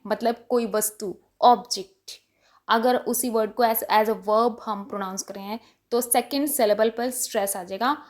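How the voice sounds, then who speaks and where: A young woman teaching English word stress, explaining in Hindi and slowly repeating each word to contrast its stress. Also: on the high side. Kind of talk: explanatory lesson.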